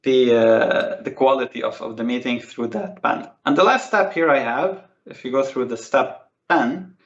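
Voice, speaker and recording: A man explains network and video metrics over a video call with steady enthusiasm. He repeats himself and keeps calling the numbers amazing. His voice sounds echoey and slightly muffled through the call. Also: medium pitch, normal speed. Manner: enthusiastic, repeats words, says "amazing" often. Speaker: Microsoft Teams expert guest. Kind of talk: casual technical walkthrough on a video call. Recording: roomy, dull lo-fi call audio.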